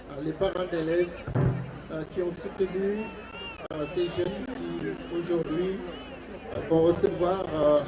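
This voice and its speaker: Man, ceremony speaker through outdoor PA, fairly high voice, unhurried and hesitant. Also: recorded from a distance, poor audio. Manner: hesitant, many filler pauses. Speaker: guest speaker at a graduation ceremony. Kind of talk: formal ceremony speech. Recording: outdoor PA heard from afar, crowd behind.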